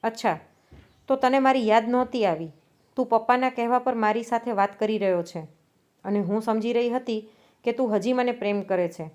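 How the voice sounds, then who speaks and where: Headstrong young wife, sharp and defiant, quick to anger, fairly high voice, storybook reading, done by a woman narrator. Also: natural voice.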